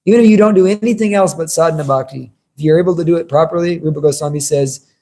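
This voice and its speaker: Gravelly, mellow man giving a devotional class. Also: on the high side, quick pace. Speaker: religious teacher giving a class. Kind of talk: informal devotional sermon.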